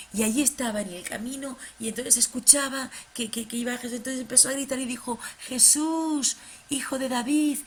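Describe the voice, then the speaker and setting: A woman presenting children's ministry, telling a Bible story to a puppet in a lively, halting way. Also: on the high side, slightly rough. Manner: animated storytelling, many restarts.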